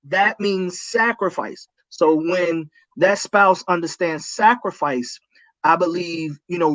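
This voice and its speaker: A man's voice: high voice, a bit bright, no echo, poor audio. A man speaking as a pastor in a casual livestream talk, preachy and emphatic, repeating his key points.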